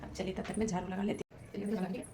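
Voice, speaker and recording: A young woman talking through her household chores in a casual daily vlog, rambling, speaking softly and holding the phone herself. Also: medium pitch, little pitch movement, very fast, far from the mic. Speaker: vlogger. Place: home kitchen. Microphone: handheld phone. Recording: echoey room with household noise.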